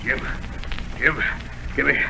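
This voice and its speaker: An actor playing Billy Bones, a drunken, frightened old sea captain with a rough voice, in a 1930s radio drama. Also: male voice, takes it slowly, pushed and bright, a little hiss or hum, poor audio. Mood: desperate. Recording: old radio broadcast with music.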